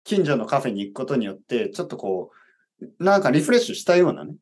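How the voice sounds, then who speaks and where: A man co-hosting a casual podcast. He explains in a slow, patient, teacherly way. His pitch rises and falls freely. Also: sing-song, a little mellow, husky. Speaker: podcast host. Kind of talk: casual chat about studying Japanese.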